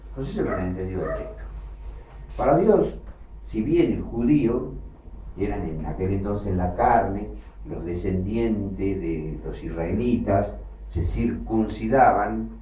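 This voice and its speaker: A man's voice: on the low side, expressive, measured pace, mellow. A man teaching a sermon on the Bible, building his points through repeated phrases and rising emphasis. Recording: distant, roomy, dull lo-fi with faint hiss.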